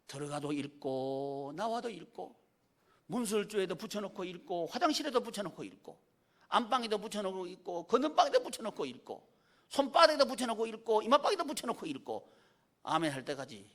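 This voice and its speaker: A male pastor preaching a Sunday sermon in church. He asks rhetorical questions, prompts the congregation for amens, and swings from loud calls to hushed, near-whispered lines. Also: sits high, big pitch swings, fairly quick. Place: church sanctuary.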